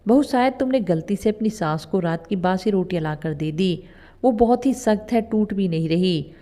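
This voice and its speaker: A woman doing a gruff old father. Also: medium pitch, expressive, normal speed, mellow, lightly acted. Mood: concerned. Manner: stern, scolding lines. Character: gruff elderly father, quick to anger.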